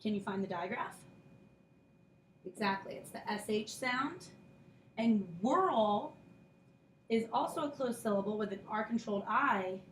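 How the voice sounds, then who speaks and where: A woman's voice: mid-range voice, lively intonation, a little slow, long pauses, distant mic, a little hiss or hum. A woman teaching a recorded phonics lesson, patiently explaining step by step and sounding out letter sounds. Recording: echoey room, voice a bit off-mic.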